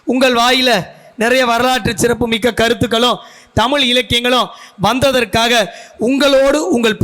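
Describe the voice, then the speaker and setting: A man with a very high, bright and forceful voice delivers a guest speech from a school stage. He speaks as a practiced debate orator, moving from story to story and turning to the audience with questions. His voice comes through a stage microphone. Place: school function venue.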